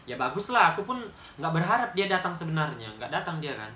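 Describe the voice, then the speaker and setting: Sing-song and fast, a man in his twenties with a high-leaning, bright, forceful voice tells a chatty, emphatic story to camera. The vlogger has a Medan Indonesian accent, and the recording has a roomy echo with a little hiss or hum.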